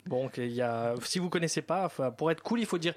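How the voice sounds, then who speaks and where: A man's voice: fairly high pitch, lively intonation, fast. Hesitant male talk show host. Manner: hesitant, many fillers. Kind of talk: casual chat.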